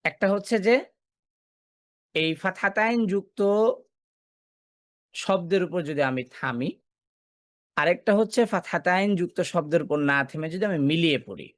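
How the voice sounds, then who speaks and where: A man's voice: high-pitched, animated, normal speed, pauses often, a bit bright, no room sound. A man teaching a Quran recitation class, asking his students questions, answering them himself and repeating key points. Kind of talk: classroom lesson.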